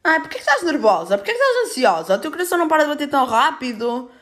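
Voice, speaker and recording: A young woman with a European Portuguese accent putting on a brisk, impatient triage nurse, her voice pushed higher and fussy. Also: very animated, fairly bright tone. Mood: exasperated. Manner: high, fussy, nagging questions.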